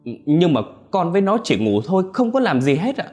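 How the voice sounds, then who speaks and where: A man's voice: a little high, sing-song, brisk, dark tone, faint music behind, pitched above the performer's own voice. A man doing a frightened young man pleading. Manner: pleading, defensive. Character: young village man, mild but frightened.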